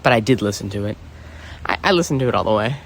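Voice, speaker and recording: A man's voice: fairly low pitch, animated, quick pace. A man talking in a loose, rambling solo monologue, swearing freely and leaning on "you know" fillers. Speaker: podcast host.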